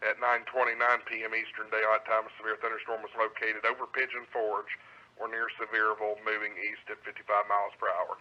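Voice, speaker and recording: A man reads storm warnings over a buzzy radio link. His voice sits low and flat, but the edge is bright and sharp. The whole thing sounds muffled and lo-fi. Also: a little fast. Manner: steady, methodical, with frequent fillers. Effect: buzzy band-limited radio transmission. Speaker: weather net control operator. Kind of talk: reading weather warnings over a ham radio net. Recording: muffled ham radio audio.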